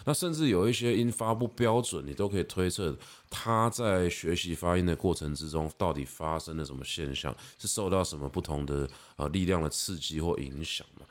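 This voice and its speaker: A man in his thirties with a Taiwanese Mandarin accent, hosting a podcast and patiently explaining pronunciation, slowly demonstrating sounds. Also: deep voice. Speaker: podcast host. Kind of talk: casual explanatory monologue.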